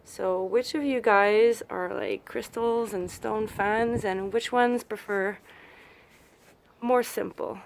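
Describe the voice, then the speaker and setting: A woman's voice: medium pitch, steady tone, takes it slowly, gravelly. A middle-aged woman artist with a sick voice, chatting upbeat and casual to her viewers about her paintings.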